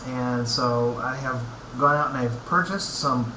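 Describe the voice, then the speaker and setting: A man giving a casual, unscripted review, speaking haltingly and thoughtfully in short phrases with pauses between them. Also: mid-range voice. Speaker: pipe tobacco reviewer. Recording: echoey room, clear background noise.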